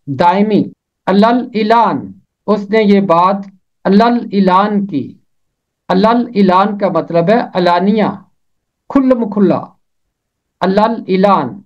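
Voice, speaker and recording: A man giving a slow, deliberate lesson on how to pronounce words from the Bible, carefully repeating each word. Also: high-pitched. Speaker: Bible pronunciation teacher. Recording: slightly muffled lo-fi recording.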